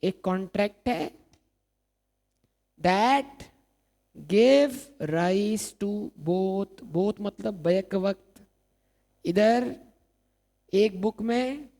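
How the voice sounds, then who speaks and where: Male exam-prep lecturer, dark and gravelly tone, repeats key terms as he drills students. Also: sits high. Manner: asks rhetorical questions and answers them himself, repeats key terms. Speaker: accounting lecturer.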